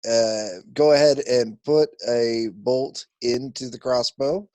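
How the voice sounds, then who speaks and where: Easygoing man, slow and dry-sounding. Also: mid-range voice, steady tone, mellow, no echo. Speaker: player. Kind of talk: casual tabletop play. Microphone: online voice call.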